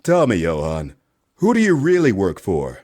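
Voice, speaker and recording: In a comedic noir radio play, a man plays a dogged, wordy private detective with theatrical hardboiled delivery, narrating in first person and asking probing questions. His voice is low and darkish, swinging hugely in pitch at a normal speed, and heavily acted.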